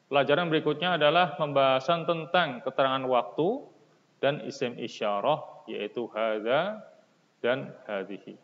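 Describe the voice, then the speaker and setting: A man teaching a recorded distance-learning lesson. He reads each phrase and then explains it slowly and patiently, raising his voice to announce each numbered point. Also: mid-range voice. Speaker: school teacher. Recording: dull, lo-fi sound with long reverb.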